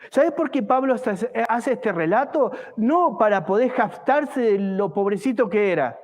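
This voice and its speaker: A male pastor with a high voice and darkish tone preaches a fervent evangelical sermon at a church service. He asks the congregation many rhetorical questions.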